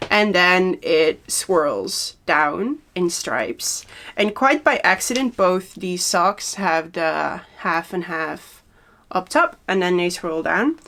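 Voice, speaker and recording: A young woman hosting a knitting podcast, chatting casually and thoughtfully with frequent pauses and a touch of nerves. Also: fairly low pitch, a bit bright. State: a little nervous. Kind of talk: casual chat.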